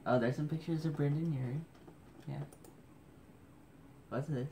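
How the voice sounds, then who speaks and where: A man's voice: a little high, fairly even intonation, measured pace, gravelly, mellow, slight background noise. A man vlogging casually at home at night, keeping his voice down so he won't wake the house, rambling and joking at his own expense as he scrolls through old photos. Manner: rambling, self-mocking.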